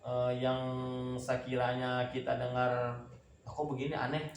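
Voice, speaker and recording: A man's voice: medium pitch, little pitch movement, unhurried. Guy teaching a study group, keeps drilling words, echoey room. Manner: drills pronunciation, quizzes listeners. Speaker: religious teacher. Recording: echoey room, faint background noise.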